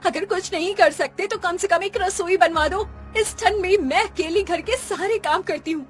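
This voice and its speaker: A fed-up young daughter-in-law. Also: female voice, extremely high pitch, normal speed, soft background music. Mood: angry. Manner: complaining, indignant, snapping. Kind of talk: animated cartoon voice acting.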